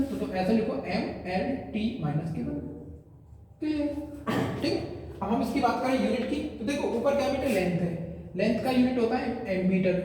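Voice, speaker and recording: A man's voice: very high-pitched, mellow. Male teacher lecturing in a classroom, far from the mic with a long echo, quizzing his students as he explains. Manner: explains step by step, keeps asking students questions. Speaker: physics teacher. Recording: echoey room, far from the mic, faint noise.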